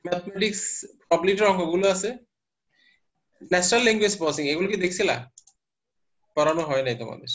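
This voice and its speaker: A man's voice: sits high, lively intonation, quick pace, long pauses. A male teacher lecturing a class step by step and quizzing his students as he goes. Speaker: university teacher. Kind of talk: lecturing class, mixing English terms. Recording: muffled lo-fi class recording.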